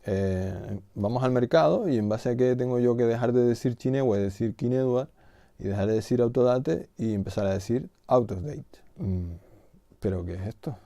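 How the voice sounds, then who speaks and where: A man's voice: medium pitch, normal speed, creaky, warm tone, no echo. A middle-aged man with a Canarian Spanish accent, talking in a casual explanatory monologue as the host of his own video. He sounds indignant and fires off rhetorical questions.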